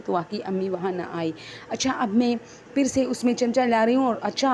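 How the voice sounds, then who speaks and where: A woman's voice: medium pitch, a little mellow, a little hiss or hum. A woman telling her own horror story in a rambling, unscripted, conversational way.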